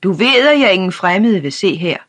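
An audiobook reader voicing an irascible, suspicious old male magistrate who shouts in a trembling voice. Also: medium pitch. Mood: furious. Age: older. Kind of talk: audiobook character reading.

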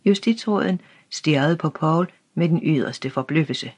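Brief: audiobook narrator, plain and even, unhurried storytelling. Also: medium pitch, slightly rough.

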